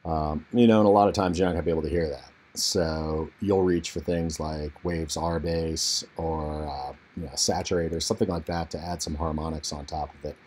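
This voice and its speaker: A man recording a laid-back software walkthrough in an untreated room on a low-quality built-in computer mic, talking casually with frequent fillers. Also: fairly even intonation, normal speed, few pauses, slight background noise. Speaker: music production tutorial host. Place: untreated room in a family home. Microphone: internal computer mic.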